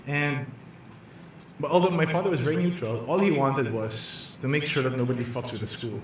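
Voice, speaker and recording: A man's voice: medium pitch, moderate pace, a little hiss or hum. A man from the Philippines with a Filipino accent, a guest chef in casual podcast chat, talking freely with frequent restarts and laughing often. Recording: very echoey room.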